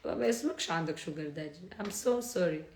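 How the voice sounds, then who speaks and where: A woman's voice: low-pitched, lively intonation, brisk, a little mellow. A woman with a Tunisian accent chatting on a live stream, joking and mocking, and laughing often. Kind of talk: casual live-stream chat. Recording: roomy echo.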